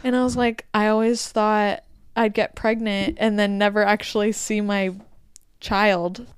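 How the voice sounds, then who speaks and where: A heavily pregnant woman in her late twenties, co-hosting a podcast in casual, rambling chat and quoting herself in lively asides. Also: mid-range voice, unhurried, clear, resonant tone, no echo. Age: 20s. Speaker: podcast co-host.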